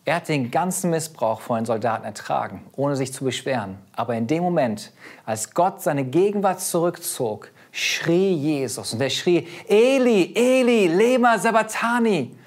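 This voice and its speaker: A pastor in his thirties preaching a sermon in an earnest, expressive way, his voice rising and dropping widely in pitch and loudness. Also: moderate pace, breathy edge.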